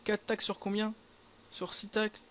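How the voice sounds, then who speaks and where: A young man giving casual gameplay commentary to his viewers, excitable and full of crude slang. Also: sits high, moderate pace, background noise. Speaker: gaming video creator.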